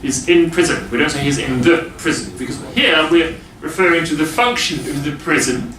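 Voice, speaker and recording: Man, teacher, classroom grammar lesson, fairly high voice, pausing with fillers, distant echoey room. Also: pushed and bright, slight background noise. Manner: explains slowly with many pauses and fillers. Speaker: English teacher.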